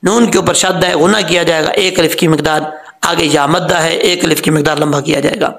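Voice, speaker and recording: A man teaching Quran pronunciation, who explains a rule and then stretches out each sound slowly to model it. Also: fairly high pitch, steady tone, creaky, fairly bright tone, echoey room. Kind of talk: tajweed lesson.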